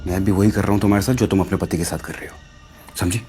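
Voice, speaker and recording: A man's voice: deep voice, steady tone, quick pace, dark tone, soft background music, natural voice. A young man playing a callous struggling actor who scornfully brushes off his married lover with curt commands in a web drama. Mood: dismissive. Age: young adult. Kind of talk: melodramatic Hindi short-drama acting.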